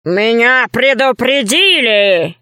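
A woman putting on a masked tyrant general with a slow, drawn-out, booming delivery. He speaks in a bright, forceful tone, condescending and mocking, with a dry, close storybook sound. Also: expressive, clear, resonant tone, no echo, full character voice. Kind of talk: audiobook character voice.

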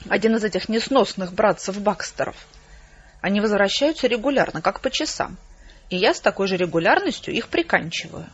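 A woman voicing a stern male sheriff in an audiobook, speaking in a low, grim whisper and curt warnings. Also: expressive, brisk, slightly rough, dull audio. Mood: whispering grimly.

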